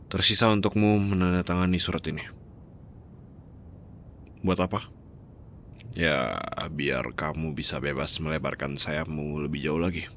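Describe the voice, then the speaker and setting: Guy acting as gentle doctor boyfriend, low voice, soft asmr role-play, reassuring, bit of rumbly noise. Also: steady tone, a little slow, pauses often. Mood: earnest, teasing. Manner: tender, hesitant, softly reassuring. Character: gentle doctor, wealthy man in love, comforting a crying woman.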